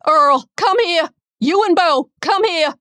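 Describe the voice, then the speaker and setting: Brief: woman reading a blunt protective aunt in an audiobook, gravelly and lively. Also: mid-range voice, unhurried, no room sound, studio quality. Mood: urgent. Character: tough protective middle-aged aunt.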